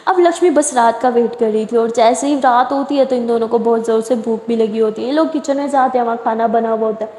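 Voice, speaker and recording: A woman narrating a story in a lively, conversational way. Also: fairly high pitch, quick pace, hardly any pauses. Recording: echoey room with long reverb.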